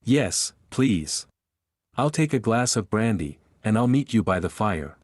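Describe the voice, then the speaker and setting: A playful young woman who teases her partner in a snowball fight, as a male narrator reads her lines. The voice sits fairly low and the sound is dry and close, with no room around it. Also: expressive, measured pace, no echo. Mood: teasing. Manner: teasing, playful.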